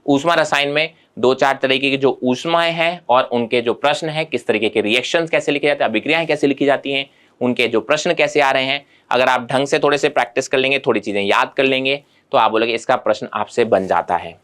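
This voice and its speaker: A man in an exam-preparation lesson, talking straight to his students and reassuring them. His voice sits at an ordinary middle pitch. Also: quick pace, a bit bright, smooth. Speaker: teacher.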